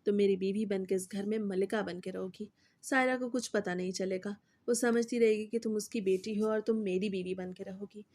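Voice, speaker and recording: A woman's voice: medium pitch, fairly even intonation, a little mellow, close to an everyday voice. A woman voicing a cruel, scheming stepfather who speaks in a stern, threatening way, in a storybook reading. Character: cruel scheming stepfather, a middle-aged man.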